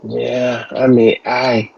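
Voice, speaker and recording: A man's voice: mid-range voice, little pitch movement, extremely slow, vocal fry, a little mellow. A man co-hosting a casual wrestling chat, laid-back and profane, heard through a thin, distant-sounding headset phone line. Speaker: podcast co-host. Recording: dull lo-fi phone-line audio.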